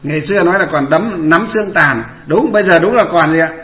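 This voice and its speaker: A man's voice: fairly high pitch, fast talker. A man, a Buddhist monk giving a dharma talk and asking his listeners rhetorical questions. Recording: echoey room over a tinny line.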